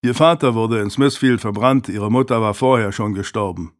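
A man voicing a calm young man who soothes his quarrelling family in an audiobook reading. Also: lowish voice, normal speed, lightly acted. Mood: explaining. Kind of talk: audiobook character voice.

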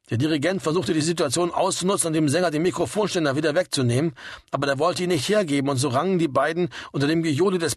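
A man reading a story aloud in a steady, wry narrating manner. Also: a little high, slightly rough, dry recording, clean studio sound. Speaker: audiobook reader. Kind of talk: scripted narration.

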